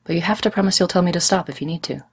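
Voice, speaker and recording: A woman voicing a careful, fussy young woman who speaks calmly and dryly. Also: on the low side, racing, slightly rough. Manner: calm, dry, gently firm.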